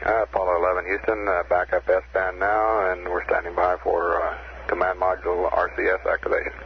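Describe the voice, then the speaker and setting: Low male ground controller on noisy space radio. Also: flat delivery, fairly quick, lo-fi sound. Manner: matter-of-fact, clipped. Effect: space radio transmission. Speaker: mission control capsule communicator. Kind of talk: procedural radio calls.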